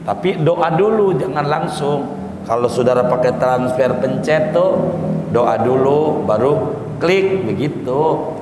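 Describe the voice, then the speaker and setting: Slow folksy preacher in an echoey hall. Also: male voice, medium pitch, lively intonation. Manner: folksy, repetitive, calls listeners "saudara". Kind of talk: sermon. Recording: echoey hall with faint noise.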